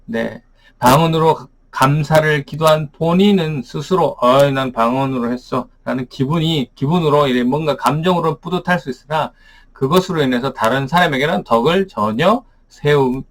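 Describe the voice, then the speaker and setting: A man's voice: on the high side, moderate pace. A man teaching as a pastor, explaining Bible verses in a daily study, asking rhetorical questions and often saying "ne".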